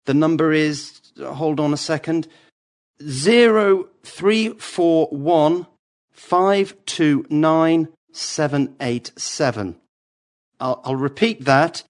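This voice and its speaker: A polite, apologetic caller, voiced by a man, leaves a voicemail in a drawn-out, unhurried way. His voice sits a little high, and he pauses and hesitates. It is a scripted recording for a listening test. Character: man leaving a voicemail about a lost bag. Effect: voicemail message left after the tone.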